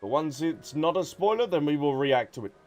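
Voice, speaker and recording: Brisk and very animated, this slightly high male voice belongs to a streamer chatting through a game over its music. He keeps things chatty and calls out viewers by name as he talks to them.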